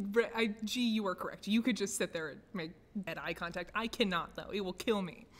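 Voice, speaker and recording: A woman's voice: medium pitch, moderate pace, long reverb tail. Laughing American woman streaming. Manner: laughs often, self-deprecating. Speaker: streamer host. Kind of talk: casual live-stream chat. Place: office.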